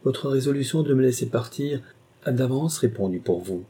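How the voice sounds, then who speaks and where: Male reader doing an anguished young governess in love, husky, raised pitch, audiobook. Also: lively intonation, moderate pace, dark tone. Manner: impassioned, pleading. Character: passionate young woman governess torn by love. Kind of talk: audiobook dialogue reading.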